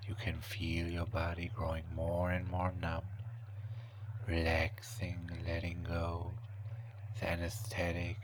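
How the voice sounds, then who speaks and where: Very slow, low whispering male hypnotist. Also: completely flat delivery, background noise. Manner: soothing, repetitive, drawn-out phrasing with pauses. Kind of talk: whispered hypnotic relaxation induction, ASMR.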